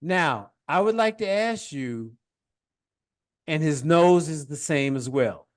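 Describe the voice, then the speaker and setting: A man's voice: a little high, expressive, takes it slowly. A man teaching a one-on-one science lesson, patient and encouraging, guiding his student with questions and praise.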